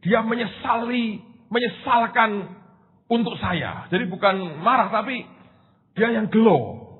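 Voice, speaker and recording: A man's voice: high voice, slow pace, husky. A man preaching a sermon, telling stories animatedly and acting out the dialogue. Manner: animated storytelling, acting out dialogue, laughing at own jokes. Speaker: pastor. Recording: tinny phone-like sound with long hall reverb.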